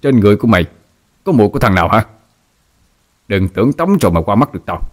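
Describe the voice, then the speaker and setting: A man's voice: low-pitched, expressive, moderate pace. A man voicing a cruel, jealous ghost husband who threatens and sneers at his young wife. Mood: angry, menacing.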